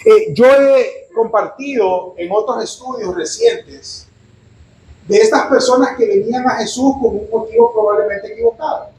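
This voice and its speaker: High-voiced pastor in an echoey room. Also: male voice, moderate pace, a little mellow. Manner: chatty, often asks "¿verdad?" and adds humorous asides. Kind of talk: conversational sermon with Bible reading.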